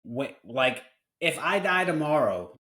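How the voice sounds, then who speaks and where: A man's voice: fairly high pitch, sing-song, measured pace, sharp tone, reverberant. A man of forty hosting a podcast, talking candidly and earnestly in casual conversation, often restarting his sentences. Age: 40s. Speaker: podcast host.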